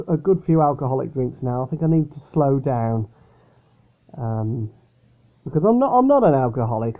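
A man casually reviewing a drink from his upstairs bedroom, rambling and hesitant. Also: medium pitch. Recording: tinny, phone-like sound.

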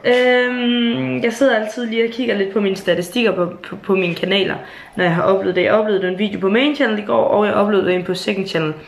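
Speaking with a steady, creaky, medium-pitched voice, a young Jutland YouTuber in her late teens gushes through a casual home vlog. She swears and uses fillers freely, holding a handheld camera in an echoey room.

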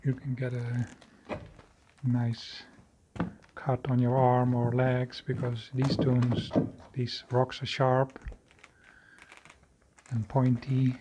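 A man narrating his own cave footage in an unscripted voice-over, slow and halting with many fillers and restarts. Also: mid-range voice, completely flat delivery, noisy background. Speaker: video creator exploring a cave.

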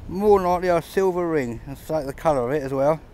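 A man's voice: fairly high pitch, fast, a little mellow. A man giving casual running commentary while metal detecting on a pebble beach, chatty and understated, chuckling between finds, recorded on a handheld camera outdoors. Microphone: camera held close, filming his hands.

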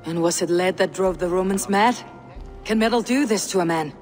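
A woman's voice: lowish voice, moderate pace, darkish tone, faint music behind, lightly acted. Woman playing a resolute Viking warrior, reverberant hall. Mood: curious, measured. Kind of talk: dramatic video game acting.

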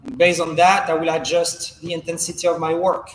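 A young man, a coach, giving calm, measured step-by-step instruction while demonstrating exercises in a large indoor hall. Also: a little high. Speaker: fencing coach. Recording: echoey gym hall, faint background noise.

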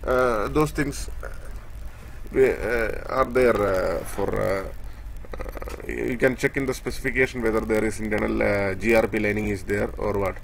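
A man with a low, gravelly voice walks through a technical drawing in a screen-share tutorial. He talks haltingly and restarts often, pointing out one part after another. A faint hiss sits under the recording. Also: steady tone. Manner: halting, many fillers and restarts, explains step by step pointing at a drawing. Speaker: instructor.

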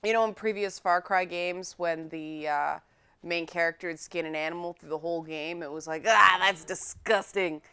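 A woman's voice: on the low side, steady tone, moderate pace, a bit bright, clean tone. A young woman giving chatty, playful commentary while she plays a video game. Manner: chatty and playful, urging her pets on. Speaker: game presenter. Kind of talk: casual let's-play commentary.

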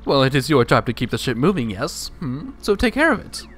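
A man's voice: medium pitch, very animated, fairly quick, fairly bright tone, soft background music, voice pushed down. A man voicing a vain, dramatic merchant adventurer in a video game, with a pompous, theatrical manner. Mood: indignant. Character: vain, boastful, dramatic merchant adventurer, panicking when scared.

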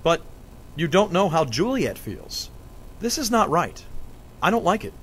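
A man's voice: on the high side, sing-song, measured pace, fairly bright tone, a little hiss or hum. A man playing a worried old friar. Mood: concerned. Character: worried elderly friar, gentle priest.

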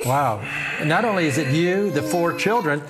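A man in his sixties, a pastor who also hosts TV, pleads earnestly in a preacher's style during an interview on a small living-room studio set. His voice is a little high, with lively intonation and a normal speed. He's recorded on a lapel mic, with heavy background noise.

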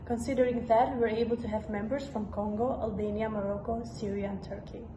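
A young woman delivers a rehearsed student presentation with a slightly high voice. She is recorded in a roomy, echoing classroom with noticeable background noise from a camera set back from her. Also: fairly even intonation, a little fast. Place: classroom with whiteboard. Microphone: far camera. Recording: echoey room, background noise.

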